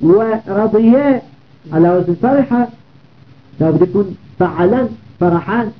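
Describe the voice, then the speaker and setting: With a measured pace and a voice that sits high, this man teaches Arabic grammar in a classroom setting, repeating patterns and asking rhetorical questions. The tinny, phone-like recording carries a little hiss or hum.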